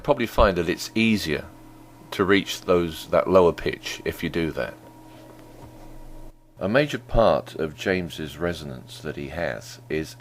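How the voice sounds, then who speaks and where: A man explaining voice impression technique in a calm, conversational tutorial. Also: sits low, a little hiss or hum. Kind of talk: instructional tutorial.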